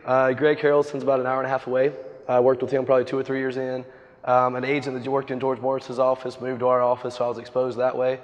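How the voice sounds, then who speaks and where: Hoarse fast-talking man on stage. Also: medium pitch, completely flat delivery. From North Carolina, US. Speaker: real estate agent, guest speaker. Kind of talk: onstage interview. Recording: muffled hall sound.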